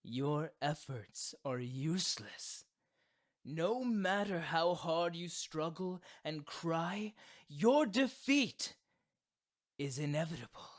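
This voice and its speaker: A man voicing a proud, theatrical supervillain boyfriend who is secretly doting, in an expressive ASMR roleplay. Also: a little high, slow pace. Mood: menacing, grandiose.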